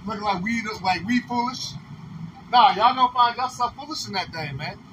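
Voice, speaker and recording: A man with a very high voice reads scripture slowly and then preaches about it on the street. Clear outdoor noise sits behind his voice. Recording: noisy outdoor street recording.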